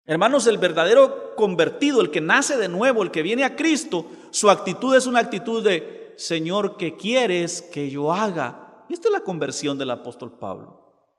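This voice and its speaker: A man preaching a sermon, slowing down to quote scripture dramatically. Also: sits high, big pitch swings, in a large hall. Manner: preaching with dramatic slow quotations.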